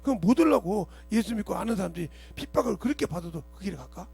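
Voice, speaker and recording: Raspy, shouting fiery preacher man. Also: high voice, expressive, fast. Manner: scolding, rhetorical, bursts into shouts. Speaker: pastor. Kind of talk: fiery sermon. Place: church sanctuary.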